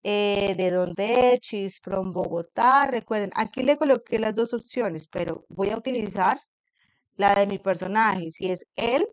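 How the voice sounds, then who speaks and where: A woman teacher explaining a class assignment to her students in a patient way, reading English example sentences slowly and carefully. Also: mid-range voice, no room sound, rough recording. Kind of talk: recorded online class explanation. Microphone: computer screen recording.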